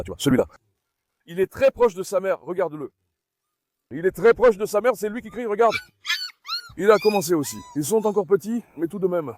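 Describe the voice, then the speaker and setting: A man vlogging outdoors in a garden, calling and coaxing his puppies in a lively, animated way and talking to his viewers. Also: sits high. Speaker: dog breeder vlogger. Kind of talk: casual vlog talk to puppies and viewers.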